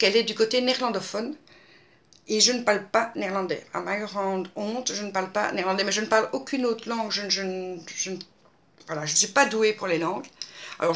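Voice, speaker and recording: Woman in her fifties, crisp bright voice, halting and chatty, answering viewer questions. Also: medium pitch. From Belgium. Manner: hesitant, many fillers and restarts. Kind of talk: casual Q&A monologue.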